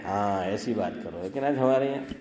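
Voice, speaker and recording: A man's voice: lowish voice, darkish tone, slight background noise. Preacher man in an echoey hall. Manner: conversational, questions the audience, sings Arabic verses. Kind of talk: informal religious talk to a gathering. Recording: echoey hall with long reverb.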